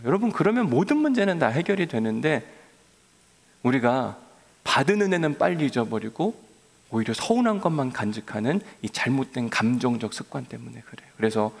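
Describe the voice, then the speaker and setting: Male pastor, gravelly, sermon in a reverberant sanctuary, coaxing tone. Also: medium pitch. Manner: coaxing, addresses congregation directly. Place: church sanctuary. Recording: long church hall reverb.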